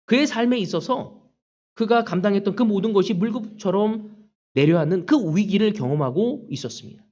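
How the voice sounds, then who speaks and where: Male pastor, high voice, dramatic sermon style, lo-fi church recording. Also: expressive, a little fast, darkish tone. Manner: preaching with acted-out prayers and quoted taunts. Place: church sanctuary.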